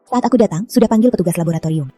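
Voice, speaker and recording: A woman dubbing a brisk, sharp-tongued rich mother. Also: on the low side, faint music behind, close to an everyday voice. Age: middle-aged. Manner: brisk and scolding. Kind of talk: dubbed drama acting.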